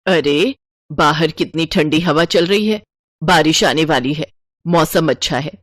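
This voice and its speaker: A woman's voice: low voice, measured pace, no room sound, pitched below the performer's own voice. A woman voicing a stingy, bossy middle-aged mother-in-law who nags and scolds in a cartoon story. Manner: scolding, penny-pinching nagging.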